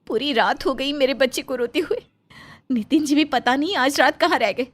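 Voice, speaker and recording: Woman doing a stressed young mom arguing with her mother-in-law, high pitched, cartoon. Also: expressive, normal speed, a bit bright. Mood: exasperated. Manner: anxious, pleading, rising to exasperation. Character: worried, frustrated young mother, daughter-in-law. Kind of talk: cartoon storybook voice acting.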